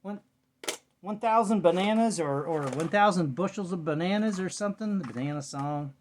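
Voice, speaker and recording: A middle-aged American man with a voice that sits high vlogs at a normal pace, showing off his cassette collection in a rambling, folksy, muttering way that is casual and unscripted. The home recording has clear background noise and clicks.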